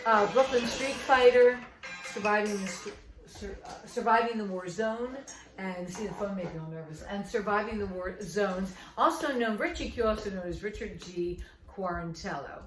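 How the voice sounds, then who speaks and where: A woman's voice: mid-range voice, moderate pace, recorded from a distance. Woman host in echoey room. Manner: brief encouraging interjections. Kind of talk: live interview. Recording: echoey room with faint music.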